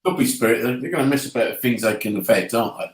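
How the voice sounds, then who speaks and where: A man with an Essex accent co-hosting a live podcast, teasing and animated. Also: mid-range voice, quick pace. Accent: Essex English. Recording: roomy echo.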